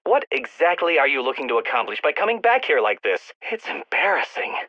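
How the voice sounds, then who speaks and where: The Riddler, sharp, smug genius villain. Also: male voice, a little high, very animated, fairly quick, no echo, muffled recording, full character voice. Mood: theatrical, sneering. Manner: pompous, sarcastic, precise wordy diction. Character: smug, condescending male genius villain, mocking and theatrical. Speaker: video game villain. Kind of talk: scripted game villain taunts.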